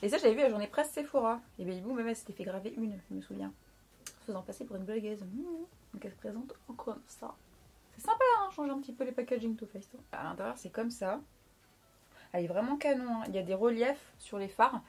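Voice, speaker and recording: A woman's voice: medium pitch, fast, darkish tone, slightly rough. A young woman chatting casually through a makeup review, frank and playful, talking at close range to her camera. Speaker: beauty vlogger.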